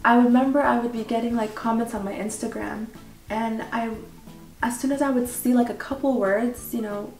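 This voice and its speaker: A woman being interviewed as a pageant winner, chatting casually and haltingly with lots of filler words. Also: fairly high pitch, steady tone, darkish tone. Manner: informal, halting, frequent "like" and "you know". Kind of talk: casual question-and-answer chat. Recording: echoey room with background music.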